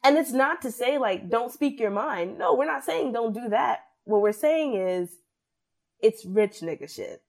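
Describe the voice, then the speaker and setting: A young woman talking through her views in a casual podcast conversation. She is opinionated and animated, acting out what other people said as she goes. Her voice sits a little high. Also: unhurried, creaky.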